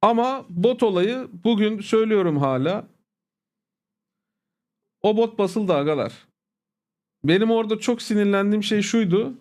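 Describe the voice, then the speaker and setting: A man's voice: high-pitched, lively intonation, moderate pace, pauses often, darkish tone. A man streaming live, ranting casually to his viewers, blunt, profane and irritated. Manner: addresses viewers familiarly as "abi" and "agalar". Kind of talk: casual livestream rant.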